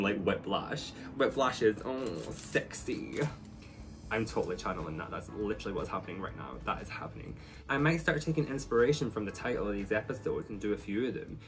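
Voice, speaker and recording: Male drag queen, sassy and campy, lively swooping intonation, casual reaction commentary. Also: lowish voice. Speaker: host of a reaction video. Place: indoor studio setup against a backdrop.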